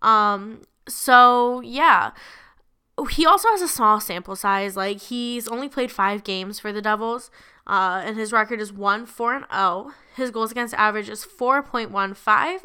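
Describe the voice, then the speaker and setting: A young woman hosts a casual sports podcast, chatty with many fillers and laughing easily, in a fairly high, clear, resonant voice with a sharp tone at a slightly slow pace. She is still recovering from bronchitis and has a lingering cough.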